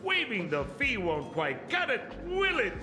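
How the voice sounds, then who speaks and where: A man gives a full character voice to an excitable old tavern informant in a video game, with animated acting in a very high voice at an unhurried pace. Sly and theatrical, he teases as he spins his stories, punctuating them with dramatic exclamations. The recording is echoey and reverberant, with music underneath.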